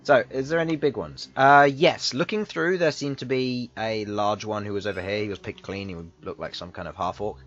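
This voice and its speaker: A man running a tabletop game as game master, describing scenes slowly with many fillers and pauses. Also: on the low side, fairly bright tone. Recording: dull lo-fi mic, faint music behind.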